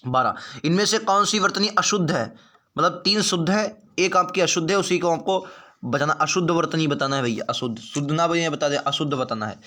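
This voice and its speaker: A man's voice: on the high side, sharp tone. Man drilling exam answers. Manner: repeats answers and quizzes viewers. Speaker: Hindi exam teacher. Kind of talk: exam practice lesson.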